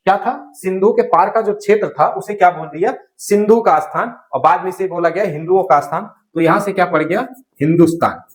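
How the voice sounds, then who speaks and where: A man's voice: high-pitched, low-quality recording. A male teacher giving a lesson, writing on a board, who keeps asking questions and answering them himself, repeating key words and correcting slips. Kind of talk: classroom lecture. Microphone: writing on a board while talking.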